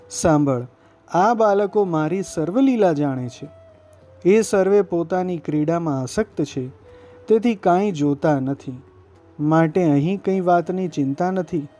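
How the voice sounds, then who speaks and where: Playful young god-cowherd, read by a man, gentle, kinda high mellow voice. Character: youthful divine cowherd lord, playful, coaxing.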